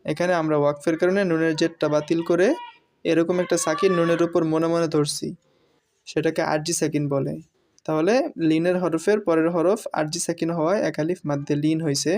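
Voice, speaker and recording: Recitation teacher, mid-pitched and flat in tone, who explains patiently and draws each recited word out long. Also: slight background noise. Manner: explains rules, then recites words slowly with long drawn vowels. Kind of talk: step-by-step recitation lesson.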